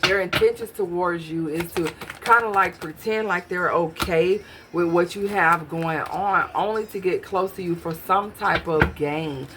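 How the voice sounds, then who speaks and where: A woman's voice: lowish voice, a little slow, hardly any pauses, noisy background. A woman doing a casual tarot reading, musing aloud and questioning the cards as she pulls them. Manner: musing, talks to herself while pulling cards. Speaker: tarot reader.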